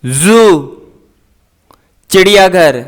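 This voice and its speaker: Very slow, high-voiced man. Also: lively intonation. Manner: slow and deliberate, says each word twice. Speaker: English teacher. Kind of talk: slow vocabulary drill, repeating each word and meaning.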